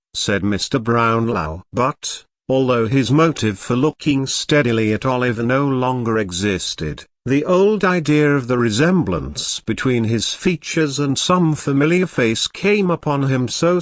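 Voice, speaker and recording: A man narrating a classic novel in a measured storybook reading. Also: mid-range voice, no room sound, clean studio sound.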